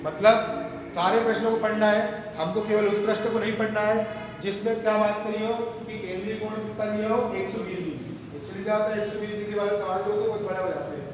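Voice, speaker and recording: A high-pitched man teaches a math lesson and keeps checking whether the students follow. His voice rings in a very echoey room with a long reverb tail and faint background noise. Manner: asks students rhetorical questions and answers them. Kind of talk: classroom lecture.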